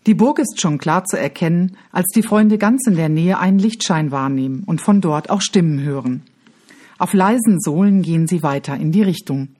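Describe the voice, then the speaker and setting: Husky-voiced woman reading a storybook. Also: lowish voice, moderate pace, a little mellow. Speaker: audiobook narrator. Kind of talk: scripted storybook narration.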